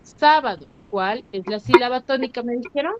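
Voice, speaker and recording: A woman whose expressive voice sits on the high side teaches an online class at a measured pace, quizzing pupils and elongating syllables for emphasis. Captured dry through a computer mic on a video call, the sound is slightly muffled.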